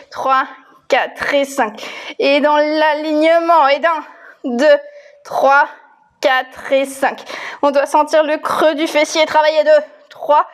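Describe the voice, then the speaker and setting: A woman leading a home workout as fitness coach, energetically calling out exercises, counts and short encouraging commands. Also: sits high.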